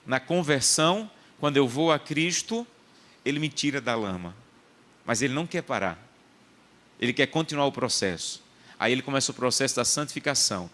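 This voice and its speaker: A man's voice: medium pitch, expressive, fairly quick, fairly bright tone. A male pastor delivering a sermon, emphatic and repetitive, mixing personal anecdotes with scripture teaching.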